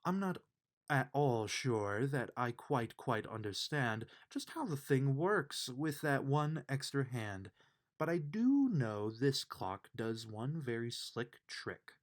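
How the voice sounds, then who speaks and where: This man's medium-pitched voice swoops high and low as he reads a rhyming storybook for children, unhurried and expressive. The verses take on a sing-song lilt in his telling.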